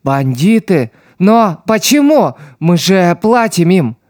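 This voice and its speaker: A man acting desperate loyal teenage boy, pleading shouts, raised pitch, slow, dry audiobook read. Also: very animated, dry recording, full character voice. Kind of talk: audiobook reading.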